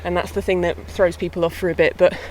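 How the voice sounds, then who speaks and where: Speaking quickly in a low-leaning voice, this young woman talks easily while out on a walk, laughing lightly now and then. She's a harpist being interviewed as a guest, English-born but brought up in mid Wales. Some faint noise from outdoors can be heard.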